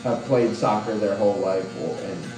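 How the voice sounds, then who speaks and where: A young man from Guatemala chats hesitantly, full of fillers and restarts, in a slightly low voice. He sounds distant in a very echoey room, with music clearly playing behind him. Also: fairly even intonation, moderate pace. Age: young adult. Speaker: barbershop customer. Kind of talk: casual chat. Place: barbershop.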